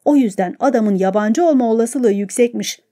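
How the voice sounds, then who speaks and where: A woman voicing a boastful, rambling middle-aged man who chats with lively pride in an audiobook. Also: extremely high pitch, normal speed. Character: boastful chatty middle-aged male neighbor.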